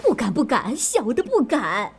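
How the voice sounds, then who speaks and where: A woman's voice: fairly high pitch, huge pitch swings, a little slow, slightly rough, full character voice. A woman playing a servile, fearful innkeeper in a period comedy drama. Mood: fawning. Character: fawning, timid inn keeper woman.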